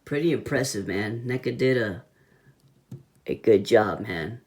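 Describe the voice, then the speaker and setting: A man's voice: lowish voice, animated, a little slow, darkish tone. A man giving a casual hands-on toy review in laid-back, slangy talk, with a whistle on his s sounds.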